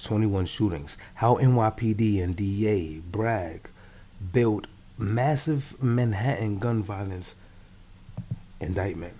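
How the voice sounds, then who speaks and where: A commentary host from Brooklyn, New York, reads a news story aloud while adding slangy, laid-back commentary. He has a lowish, mellow voice.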